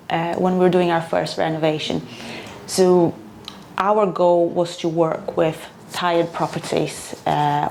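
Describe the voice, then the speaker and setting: A Brazilian woman in her thirties, a property investor whose first language is Portuguese, chats casually as an interview guest in a Brazilian accent, often saying "uh." Her voice is fairly low and a little mellow, with slight background noise.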